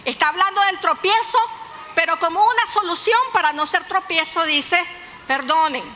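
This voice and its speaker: Woman pastor preaching, high bright voice, lively storyteller, echoey church hall with faint noise. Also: normal speed. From Nicaragua. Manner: lively storytelling with humor and asides to the congregation. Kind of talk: sermon.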